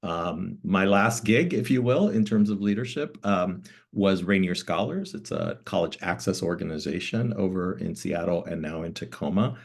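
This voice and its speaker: A man's voice: sits low, expressive, normal speed, gravelly, breathy edge. A middle-aged man from Florida, born in Cuba, speaking as a guest director in a community talk, explaining at length with frequent fillers. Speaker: interim museum director, guest.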